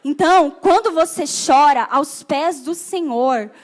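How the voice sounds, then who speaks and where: A woman's voice: sits high, takes it slowly. A Brazilian woman pastor preaching a sermon, often asking the congregation questions. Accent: Brazilian Portuguese.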